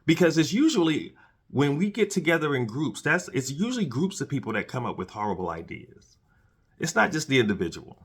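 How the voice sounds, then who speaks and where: A man's voice: a little high, very animated, fairly quick, slightly rough. A man hosting a solo commentary show, talking in an earnest, preachy way and often repeating and restarting his words. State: dry mouth, has candy in his mouth. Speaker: podcast host.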